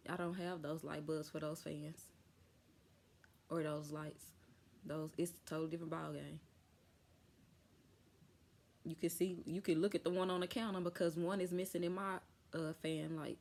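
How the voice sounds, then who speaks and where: Young woman vlogger, lower-pitched, animated storyteller who swears and gets loud when angry, talking at home. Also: moderate pace, long pauses. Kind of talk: casual storytelling chat. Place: home room.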